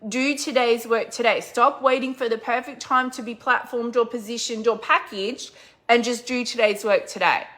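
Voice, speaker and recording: A middle-aged woman business coach giving an energetic, chatty motivational talk with a faith-based slant. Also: on the high side, moderate pace.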